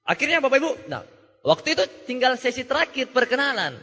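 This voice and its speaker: High, lively man telling stories in a hall. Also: fast. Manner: animated, joking, acts out quoted voices. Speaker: motivational speaker. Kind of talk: motivational seminar storytelling. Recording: reverberant hall.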